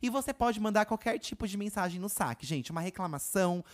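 A man co-hosting a podcast in casual chat, talking loud when he gets excited. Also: high voice, fast. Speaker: podcast co-host.

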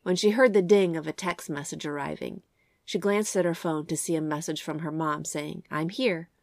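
A woman with a croaky voice stuffed up by a cold, hosting and reading scripted true crime narration. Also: sits low, moderate pace, no room sound, studio quality. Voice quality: croaky, congested. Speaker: podcast host and narrator.

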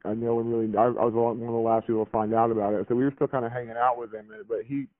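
A man, recalling a past event in a rambling, halting way full of fillers and restarts. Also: mid-range voice, little pitch movement, no echo. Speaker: interviewee recounting a past event. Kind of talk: casual recollection on a phone interview. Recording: tinny phone line, dry.

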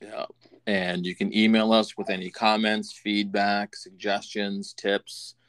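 A man co-hosting a podcast in casual chat, talking in a rambling, halting way with frequent restarts. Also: on the low side, level tone, a bit bright, no echo. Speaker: podcast co-host.

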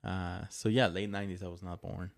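A man's voice: deep voice, level tone, a little fast, no echo, clean studio sound. A man co-hosting a podcast in casual chat, joking, rambling and laughing often. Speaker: podcast co-host.

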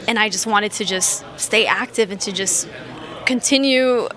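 A woman's voice: mid-range voice, a little slow, pushed and bright. A woman boxer answering interview questions in an earnest, upbeat way, with many fillers.

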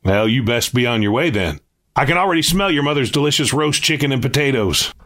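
A man's voice: mid-range voice, expressive, a little fast, close to an everyday voice. Brief: loving father, voiced by a man, mid voice, affectionate. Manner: warm, affectionate.

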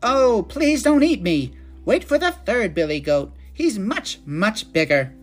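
A woman's voice: mid-range voice, sing-song, a little slow, faint music behind, voice pushed up. A woman voicing a medium-sized billy goat brother in a children's storybook, polite and pleading.

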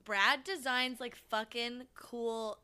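A woman's voice: a little high, steady tone, slow pace, sharp tone, smooth. A woman co-hosting a podcast in casual, teasing chat full of slang and swearing. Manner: teasing, slangy, profanity-laced. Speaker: podcast co-host.

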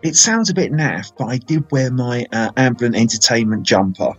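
A man's voice: medium pitch, lively intonation, normal speed, lo-fi sound, soft background music. A man, hosting a casual film podcast and talking in a rambling, chatty way full of fillers. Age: 40s. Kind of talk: casual film chat, live-streamed.

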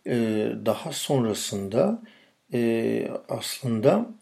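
A man from Turkey with a slightly hoarse voice, giving informal solo political commentary as a podcast host and haltingly searching for his words. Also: mid-range voice, big pitch swings, warm tone.

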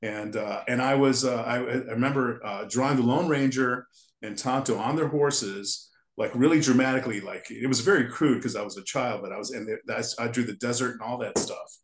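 A man's voice: medium pitch, a little fast. Man in his 60s just rambling thru old stories, keeps restarting, kinda echoey room. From United States. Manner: rambling, restarts sentences often. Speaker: guest, character designer. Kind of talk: casual storytelling interview.

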